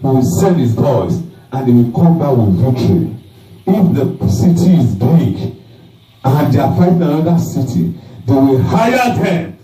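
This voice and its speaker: A preacher retells a scripture story in a dramatic, emphatic sermon. He speaks slowly, and his pitch rises and falls a lot, with sudden shouts. His voice comes from a distance through a roomy hall. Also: big pitch swings.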